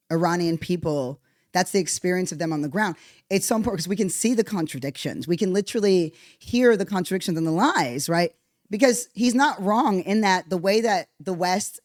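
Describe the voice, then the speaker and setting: A podcast host talking casually and bluntly, reacting to a played clip with frequent swearing. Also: female voice, fairly low pitch, dry recording, studio quality. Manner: blunt, profane, animated. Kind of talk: casual commentary on played clips.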